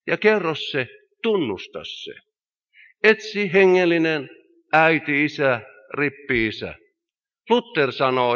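A man's voice: on the high side, a bit bright. A man preaching a sermon in style, solemn and rising to emphatic cries. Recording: reverberant hall, dull lo-fi sound.

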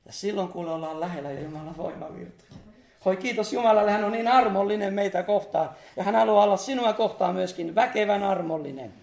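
Guy preaching, high gravelly voice, fervent, lots of hallelujahs, echoey church hall. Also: darkish tone. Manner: fervent, exclaims hallelujah, laughs between phrases. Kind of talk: charismatic sermon.

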